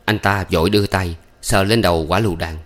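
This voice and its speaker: Low-voiced male storyteller. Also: steady tone, a little fast. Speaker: narrator.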